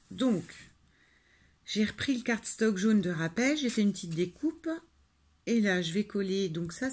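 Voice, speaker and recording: A crafting tutorial host from France chats casually through making a card, rambling, putting herself down, and using lots of fillers. Her voice is medium-pitched with a breathy edge.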